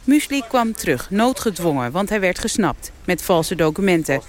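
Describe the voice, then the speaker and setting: A woman's voice: on the low side, very animated, moderate pace, crowd noise. A woman correspondent narrates a scripted radio report. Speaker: foreign correspondent.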